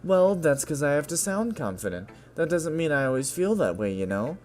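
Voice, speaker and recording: A man's voice: a little high, big pitch swings, normal speed, faint music behind, pitched above the performer's own voice. A man voicing a confident, friendly teenage girl club president who talks in a breezy, encouraging way. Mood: cheerful. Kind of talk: video game voice-over reading.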